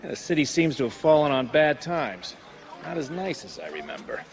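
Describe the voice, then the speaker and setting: An actor playing a cocky, easygoing space smuggler with a wry, offhand manner in an audio drama. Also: male voice, on the high side, big pitch swings, fairly quick, a crowd in the background. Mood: reminiscent. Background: orchestral film score.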